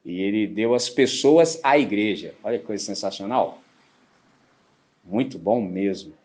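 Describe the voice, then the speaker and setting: Animated Brazilian male pastor preaching. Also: fairly low pitch, measured pace. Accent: Brazilian Portuguese. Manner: colloquial, keeps asking "entendeu?"; animated storytelling with mimicked voices. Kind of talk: sermon.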